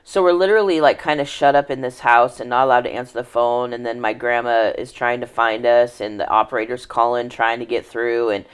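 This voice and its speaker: A woman's voice: a bass voice, steady tone, brisk, few pauses, smooth. A woman telling her personal life story in an interview, earnest and reflective, often trailing off and restarting her sentences. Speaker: podcast guest.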